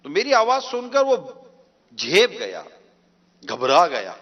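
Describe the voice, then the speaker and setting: A man's voice: sits high, wildly swooping pitch, dull audio. A man preaching a sermon, telling a story emotively with repeated phrases.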